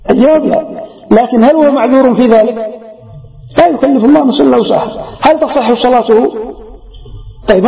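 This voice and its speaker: A man teaching a religious text in a measured, deliberate way, asking questions and answering them himself. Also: very high voice, vocal fry. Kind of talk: classroom lecture explaining a text. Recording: echoey hall, dull lo-fi sound.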